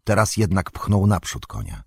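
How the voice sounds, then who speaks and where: A man narrating an epic fantasy audiobook in a measured storytelling manner. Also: low voice, big pitch swings, gravelly, breathy edge, no room sound, clean studio sound. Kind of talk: scripted narration.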